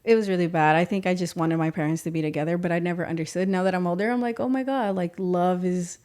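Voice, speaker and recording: A woman's voice: fairly low pitch, fast. A woman, telling stories in a casual interview and acting out quotes. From South Texas. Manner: animated, acts out quotes, laughs through stories. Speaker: guest, business owner.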